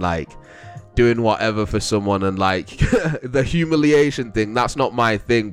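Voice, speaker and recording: A man's voice: on the low side, clear, resonant tone. A young man with a London accent chatting casually as a vlogger, rambling and slangy. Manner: rambling, slangy, often breaks into chuckles. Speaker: vlogger giving commentary. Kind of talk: casual chat.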